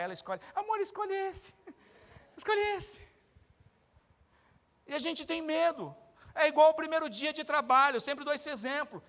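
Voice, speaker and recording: A male pastor with a Brazilian Portuguese accent preaching a sermon in a church, animated and jokey as he acts out everyday scenes. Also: very high-pitched, in a large hall.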